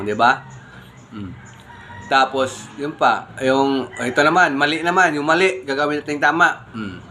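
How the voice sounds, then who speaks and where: Bright-voiced man vlogging casually. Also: medium pitch, slight background noise. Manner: conversational, keeps saying "guys", rhetorical questions. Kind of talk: casual morning vlog talk.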